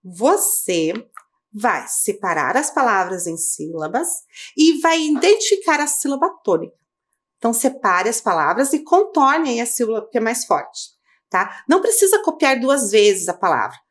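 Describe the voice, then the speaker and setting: A woman teacher giving a video lesson to children, speaking slowly and clearly and asking the pupils questions. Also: on the high side, sing-song. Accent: Brazilian Portuguese.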